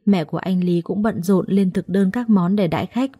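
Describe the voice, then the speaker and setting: A woman narrates a first-person audiobook story in a lively, chatty storytelling manner. Her voice is warm and mellow, with an ordinary middle pitch. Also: moderate pace, husky.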